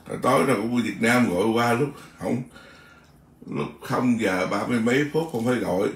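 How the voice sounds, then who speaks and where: A man's voice: medium pitch, fairly quick, vocal fry, distant mic. A middle-aged man in casual, rambling conversation, repeating his words as he talks. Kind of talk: casual chat. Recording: roomy, off-mic with faint noise.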